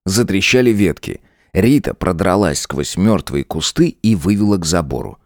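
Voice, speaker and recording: A man narrating an audiobook in a dramatic, expressive reading. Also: low voice, normal speed, dry recording, studio quality. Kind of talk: scripted narration.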